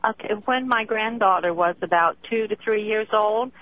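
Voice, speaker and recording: A woman's voice: mid-range voice, normal speed, fairly bright tone. An older woman, a grandmother, calling into a radio show and explaining a family story plainly. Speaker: caller. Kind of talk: phone-in storytelling. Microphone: telephone. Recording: dull dry lo-fi phone call on radio.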